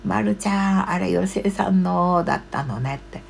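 A woman in her seventies chatting casually as a live streamer, reading out viewer comments haltingly with short murmured acknowledgements. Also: creaky. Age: 70s. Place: small cluttered room at home, indoors. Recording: low electrical mains hum.

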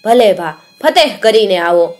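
A woman doing a measured, earnest king. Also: medium pitch, expressive, soft background music, lightly acted.

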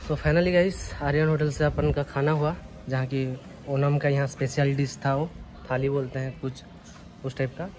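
Young man vlogging over loud noise. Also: medium pitch, level tone, moderate pace. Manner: chatty, mixes English words into Hindi. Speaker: travel vlogger. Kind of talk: casual travel vlog. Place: busy restaurant indoors, then streets.

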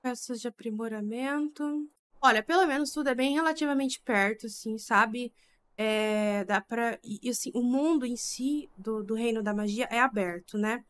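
A woman's voice: fairly high pitch, moderate pace, a bit bright. A young woman giving chatty, exclamation-filled commentary while playing a life-simulation game and talking to her viewers. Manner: chatty, exclaiming, talks to the audience as "gente". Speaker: gaming streamer. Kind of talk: casual let's-play commentary.

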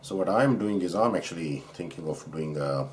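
Seated indoors at his desk under an overhead camera, a doctor from Pakistan unboxes a razor, admiring the parts and rambling with self-corrections in a casual way. He has a low voice with lively intonation at a normal speed, and the background is noisy.

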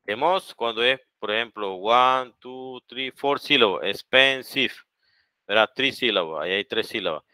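A man's voice: mid-range voice, unhurried, bright, forceful tone, clear, resonant tone, no echo, low-quality recording. A man with a Panamanian Spanish accent teaching English grammar, mixing English and Spanish and checking often with "okay?" and "¿verdad?". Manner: speeds up for Spanish translations. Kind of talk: bilingual online grammar lesson.

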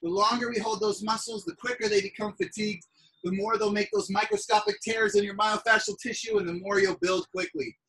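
A fitness instructor with a fairly bright, mid-range voice speaks a little fast while leading a live group video call workout indoors. Energetic countdowns and hyped encouragement fill her coaching, and she often raises her voice to cheer. The recording comes from a device placed away from the exerciser.

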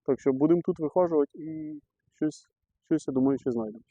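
A man's voice: on the high side, fairly even intonation, fast talker, dry recording. A middle-aged man filming himself metal detecting outdoors on a meadow, chatting casually to his viewers and calling them friends as he digs. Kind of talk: casual commentary to camera while digging. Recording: slightly dull lo-fi recording.

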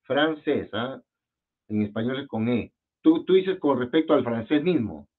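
A man's voice: mid-range voice, lively intonation, normal speed. A man with a Peruvian Spanish accent teaching an online French class, patiently repeating words and asking students questions over a video call. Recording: phone-like video call audio.

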